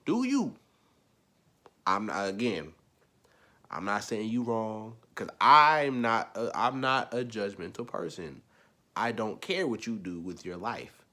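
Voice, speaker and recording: A young man talking straight to the camera in a casual, rambling opinion rant. He repeats himself and swings between low mumbles and loud, emphatic bursts. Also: lively intonation, a little slow. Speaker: vlogger.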